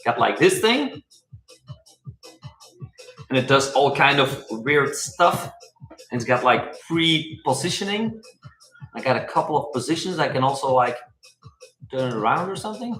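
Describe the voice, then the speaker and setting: A man's voice: medium pitch, very animated, a little slow, long pauses, a bit bright. A man hosting a casual live stream from a room at home on a webcam, rambling with chuckles and many fillers. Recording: echoey room with faint music. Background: faint music.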